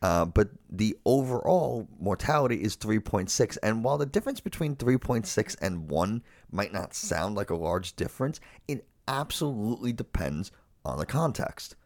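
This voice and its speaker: A man's voice: lowish voice, sing-song, normal speed, darkish tone, dry recording, clean studio sound. A man from the United States co-hosting a casual podcast, explaining things with joking, sarcastic asides. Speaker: podcast co-host.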